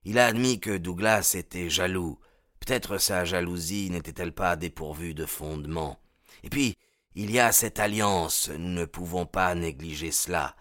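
A man voicing an eager, excitable male police inspector with emphatic outbursts. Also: low voice, normal speed, no room sound, clean studio sound. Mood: pondering.

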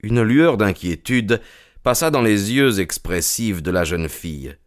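A man reading an audiobook narration in an even, composed storytelling manner. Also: fairly low pitch, a little slow.

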